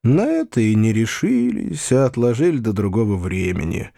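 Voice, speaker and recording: A man narrating a classic novel as an audiobook in a theatrical, expressive way. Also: fairly low pitch, normal speed, creaky, dry recording, studio quality. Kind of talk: dramatic literary reading.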